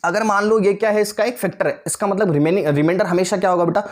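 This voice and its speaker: Speaking fast in a high pitch with fairly even intonation, a man in his twenties leads an online maths lesson. He coaxes the class, keeps asking if they've got it, and calls them "beta" and "bhaiya" between joking asides.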